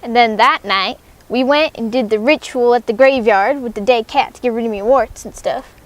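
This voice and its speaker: A young woman voicing Huckleberry Finn, a rough, swaggering village boy with folksy grammar, in a school character play. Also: fairly high pitch, moderate pace, dry recording, natural voice.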